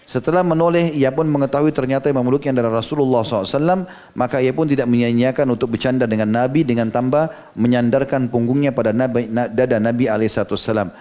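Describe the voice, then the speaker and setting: A man's voice: mid-range voice, fairly even intonation, very fast, dark tone. A man from Indonesia preaching a storytelling sermon, explaining each quote in plain everyday words and tossing in frequent casual asides. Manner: conversational, drops in frequent "ya" and "gitu" asides. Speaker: Islamic preacher.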